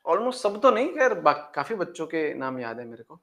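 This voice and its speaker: A man's voice: on the high side, sing-song, moderate pace, sharp tone. A male chemistry teacher in a classroom, repeating points and asking his students questions he answers himself, calling them "beta" fondly. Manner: repetitive, calls students "beta", asks and answers own questions. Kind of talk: classroom lecture and farewell chat.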